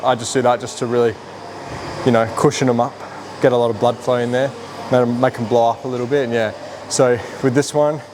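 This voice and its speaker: Man, fitness vlogger, mid-range pitch, informal rambling explanations, gym workout vlog, noticeable background noise. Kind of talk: casual workout vlog, explaining as they train. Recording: noisy room with ambient hum.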